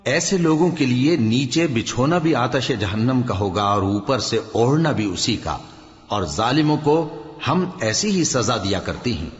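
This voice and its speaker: A man reading a scripture translation aloud in a measured, solemn way, dropping low at the end of each verse. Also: lively intonation. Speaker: scripture reader. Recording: reverberant, dull lo-fi hall recording.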